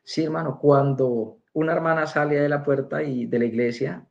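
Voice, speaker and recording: A man recounts his church testimony in a storytelling manner, switching into the voices of the people in his story. His voice sits at a middle pitch. The recording sounds dull and lo-fi. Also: moderate pace, vocal fry. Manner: storytelling, acting out quoted dialogue. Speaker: church member giving a testimony. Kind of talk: spoken personal testimony.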